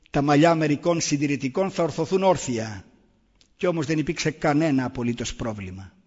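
A middle-aged man with a slightly high, breathy-edged voice speaks earnestly to an audience and presses his points with rhetorical questions. His voice rings with a long echo from a large hall, and the recording sounds dull and muffled. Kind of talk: public talk on raising children.

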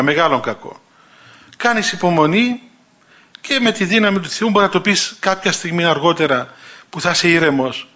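Bright-voiced man preaching a sermon. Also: high voice. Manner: conversational storytelling, acting out voices in quotes. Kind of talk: sermon with anecdotes. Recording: dull lo-fi recording.

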